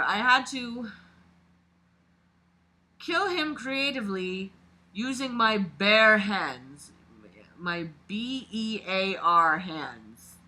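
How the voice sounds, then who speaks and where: At medium pitch, a reader performs a novel aloud with dramatic, exclamatory expression. The reading is punctuated by mocking commentary and curse words.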